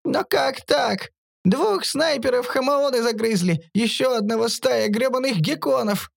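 A cowardly mercenary whimpers and shrieks in a high, wavering voice, as a man puts him on. His pitch leaps up and down. The recording is dry and close. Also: animated, unhurried, vocal fry, no echo, exaggerated voice. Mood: whining panic. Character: whining cowardly male mercenary tech.

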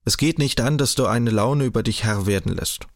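A man's voice: medium pitch, a little fast, dry recording, clean studio sound, natural voice. A man voicing an earnest, solemn professor in an audiobook, stern and moralizing. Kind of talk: audiobook character voice.

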